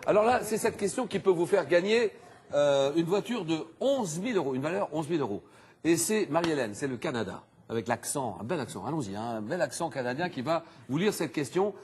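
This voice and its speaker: A man hosting a TV quiz show, animated and exclamatory, reading clues and teasing contestants in a studio. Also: fairly high pitch, a little fast, slight background noise.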